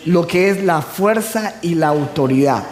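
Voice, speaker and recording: A man preaches in a church hall, calling on the congregation to repeat after him. He speaks slowly in a high voice. The recording carries a long, echoing reverb. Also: expressive, darkish tone, slight background noise. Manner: call-and-response preaching with humor. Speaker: pastor. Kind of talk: sermon.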